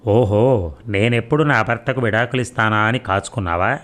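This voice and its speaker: A man's voice: fairly low pitch, normal speed, fairly bright tone, close to an everyday voice. A man reading as a tearful young wife. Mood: sarcastic. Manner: pleading, bitter. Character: unhappy young married woman, tearful.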